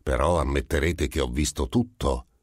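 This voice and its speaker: Man voicing a sly calm gentleman, very deep voice, dry close sound, probing and smooth. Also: normal speed, no room sound. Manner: probing, smooth, falsely apologetic. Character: sly, composed male gentleman questioner.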